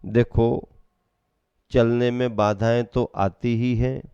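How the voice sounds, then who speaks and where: A man giving a sermon as a Jain monk, preaching slowly and measuredly, asking rhetorical questions and answering them himself. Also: medium pitch, steady tone, mellow, clear, resonant tone, dry recording, muffled recording.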